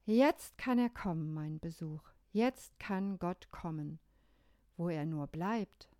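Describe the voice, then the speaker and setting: A woman's voice: fairly low pitch, slow, warm tone, no room sound, studio quality. A woman reading a frantic man in a panic. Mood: relieved. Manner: frantic exclamations, calling for help. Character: panicked ordinary man frantic to tidy his house.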